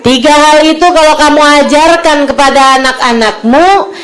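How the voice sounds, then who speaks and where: A woman giving an Islamic sermon to mothers, moving between soft, hushed advice and lively raised storytelling. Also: sits high, moderate pace. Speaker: preacher.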